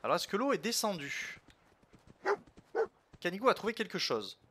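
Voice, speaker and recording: This man's voice sits high and is very animated at a normal speed, though the recording is very noisy. He's a let's play streamer giving casual commentary, thinking out loud with plenty of fillers and jokey tangents.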